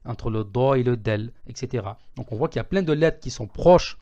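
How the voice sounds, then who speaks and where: A man giving an online language lesson, patiently repeating words slowly to contrast their sounds. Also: mid-range voice, animated, warm tone. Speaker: Arabic teacher. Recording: slightly dull lo-fi audio.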